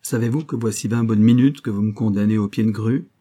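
A man reading an audiobook, voicing a cordial, worried gentleman who speaks heartily and gravely. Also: lowish voice, brisk, lightly acted. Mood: hearty.

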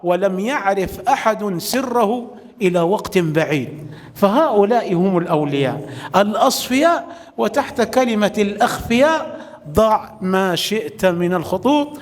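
A man's voice: high voice, animated, normal speed. A man with an Egyptian accent telling a story in a sermon, with dramatic rhetorical questions. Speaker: preacher. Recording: long hall reverb.

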